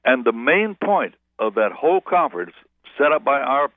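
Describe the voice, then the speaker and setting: A man's voice: mid-range voice, big pitch swings, moderate pace, dry recording. A man, a pastor as guest, talking in a rambling, self-correcting way in a radio interview by phone. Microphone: telephone. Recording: tinny, dry phone line.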